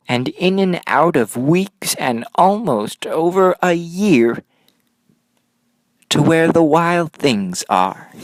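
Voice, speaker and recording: A man reading a children's picture book aloud as an expressive storyteller, with deliberate, dramatic phrasing and pauses. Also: mid-range voice, no echo.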